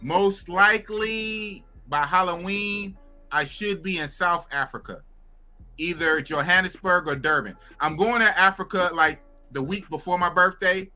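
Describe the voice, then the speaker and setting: A man's voice: high-pitched, a little slow, pushed and bright, faint music behind. A man in his fifties hosting a casual chat, asking loose questions in a slangy, repetitive way. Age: 50s. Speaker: host.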